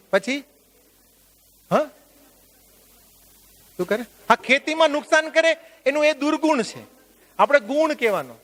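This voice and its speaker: A man leading a workshop, lecturing a live audience in an animated, joking way and putting questions to the listeners. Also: very high voice. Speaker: workshop trainer. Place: workshop at a religious venue.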